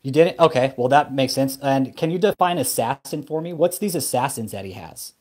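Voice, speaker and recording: A man, likely in his thirties, hosts a YouTube show and confronts a caller in a heated phone argument from a small room at home. His mid-range, darkish voice is animated and a little fast. He's blunt, combative and profane, often cutting in.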